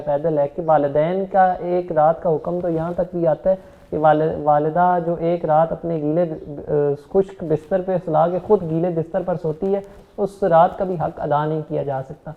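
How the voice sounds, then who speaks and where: A man's voice: fairly high pitch, fairly even intonation, creaky, phone-quality sound. A man with a Pakistani Urdu accent, hosting a religious TV talk show, agreeing with the guest and asking him questions. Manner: affirming, asks questions to the guest. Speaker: TV host.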